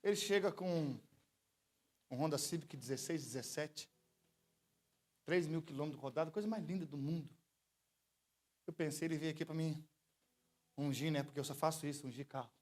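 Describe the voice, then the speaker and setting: A man's voice: on the high side, normal speed, long pauses. A man with a Brazilian Portuguese accent preaching a sermon at a church service, telling stories with jokes and asking the congregation to repeat after him. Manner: lively storytelling with jokes and call-and-response. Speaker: pastor.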